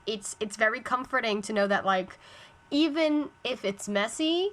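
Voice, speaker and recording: A woman's voice: fairly high pitch, expressive, normal speed, fairly bright tone. A woman co-hosting a podcast in casual chat, thoughtful and prone to repeating herself as she searches for words. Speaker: podcast co-host.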